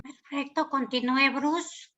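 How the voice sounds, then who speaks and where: A woman's voice: sits high, steady tone, slow, fairly bright tone, muffled recording, slight background noise. A woman teaching a literature class, giving polite instructions and praising her students.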